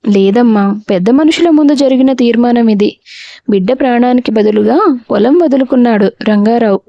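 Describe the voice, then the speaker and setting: A woman reading the lines of a calm older village man who lends money, in an audio storybook. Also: on the high side, normal speed, no echo, natural voice. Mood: calm explaining. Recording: dull, dry lo-fi recording.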